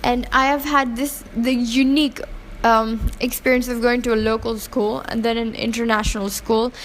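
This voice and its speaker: Speaking at a moderate pace with little pitch movement, a woman originally from Pakistan who was raised in Hong Kong answers interview questions earnestly and with strong opinions. Her voice is fairly high, and she leans on fillers and restarts. There's slight background noise.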